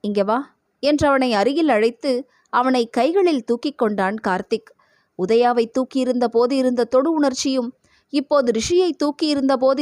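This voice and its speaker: A woman's voice: a little high, no room sound, studio quality. Woman narrating an audio novel. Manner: steady, measured storytelling.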